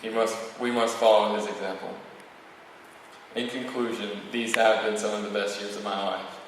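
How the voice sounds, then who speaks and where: Young male student, low even voice, formal graduation podium speech, recorded from afar in a reverberant hall. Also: moderate pace. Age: young adult, about eighteen. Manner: reading a prepared text, with occasional stumbles. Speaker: valedictorian student speaker. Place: large reverberant room, speaking to an audience. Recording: very echoey hall, distant mic, faint noise.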